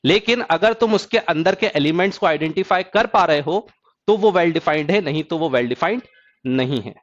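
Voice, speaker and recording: A man teaching an exam-prep math lecture who keeps asking students if the point is clear and drawls key terms slowly. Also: fairly high pitch, animated, muffled recording. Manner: asks students check questions.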